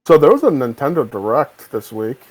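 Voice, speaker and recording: A man's voice: medium pitch, very animated, a little fast, dry recording, low-quality recording. Guy hosting a chill voice chat podcast, keeps restarting sentences, dry close mic. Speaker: podcast host. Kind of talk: casual chat. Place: home, on voice chat. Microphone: desk mic over voice chat.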